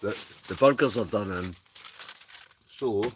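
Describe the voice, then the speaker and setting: A man's voice: lowish voice, measured pace, slight background noise. A Scottish man chatting casually to livestream viewers in a rambling, chuckling, easily sidetracked way. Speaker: livestream host. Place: inside a tent.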